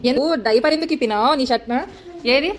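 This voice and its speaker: A woman's voice: high-pitched, rapid-fire. A young woman at home, scolding and coaxing her toddler in a casual family vlog, exasperated. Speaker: vlogger mother. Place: home, indoors.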